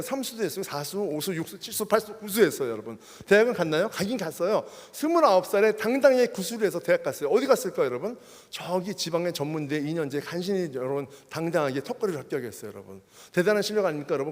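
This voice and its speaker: A middle-aged man preaching a testimony sermon at a church worship service, keeps asking the crowd questions. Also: high voice. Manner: animated, keeps addressing the crowd with rhetorical questions. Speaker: guest preacher. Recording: long hall reverb.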